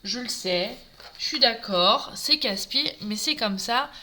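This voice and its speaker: A woman's voice: on the high side, expressive, unhurried, bright, forceful tone, slight background noise. A French woman with a Norman accent, chatting through a live crafting tutorial and greeting viewers as she works. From France. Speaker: craft demonstrator.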